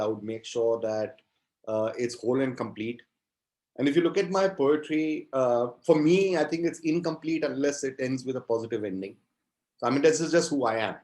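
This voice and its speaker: This interview guest, a poet and entrepreneur in his fifties and a native Gujarati speaker, gives conversational answers in a halting, reflective way, often repeating phrases. His voice is medium-pitched and a little mellow.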